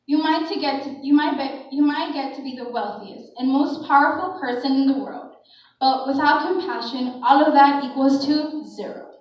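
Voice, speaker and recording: Female presenter, formal read-out intro, high pitch, distant, roomy hall. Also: slight background noise. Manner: measured, formal reading with small restarts. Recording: echoey dull hall audio, distant mic.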